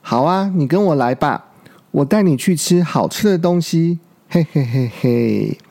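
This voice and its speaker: A man's voice: fairly high pitch, lively intonation, normal speed, a little mellow, lightly acted. A man voicing a sly, menacing adult male tyrannosaur in a children's storybook, who coaxes and chuckles with a sneer.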